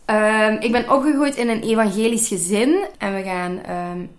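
A young woman from Limburg, a student answering interview questions in a relaxed, thoughtful way with many fillers. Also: medium pitch, moderate pace, clear, resonant tone. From Belgian Limburg. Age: 20s. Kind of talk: casual interview.

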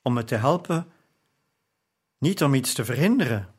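A man's voice: medium pitch, lively intonation, normal speed, husky. A man reading a novel aloud, voicing a tired, resigned father who has given his daughter away in marriage. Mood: soft.

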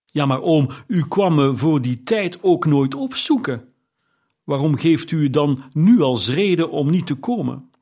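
A man voicing a cheerful, warm-hearted young man who pleads earnestly, in an audiobook reading. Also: fairly high pitch, expressive, a little slow, slightly rough, exaggerated voice. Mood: pleading.

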